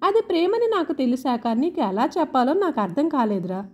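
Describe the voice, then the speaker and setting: A woman's voice: high voice, big pitch swings, fairly quick, a little mellow. A woman voicing a remorseful young man who pleads tearfully with his childhood friend, read in an audiobook. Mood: confiding. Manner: pleading, emotional. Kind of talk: audiobook dialogue reading.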